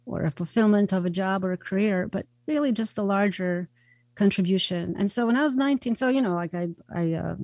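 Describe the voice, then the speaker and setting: A woman's voice: medium pitch, brisk, darkish tone, no echo. A woman from Croatia, a radio interview guest, telling her story in an earnest, reflective way with many fillers and restarts.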